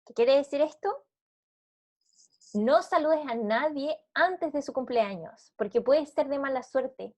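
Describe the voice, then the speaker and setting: A young Chilean woman, an English teacher, reading example sentences slowly in English and then explaining them quickly in Spanish in a recorded lesson. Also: high-pitched, darkish tone, dull audio.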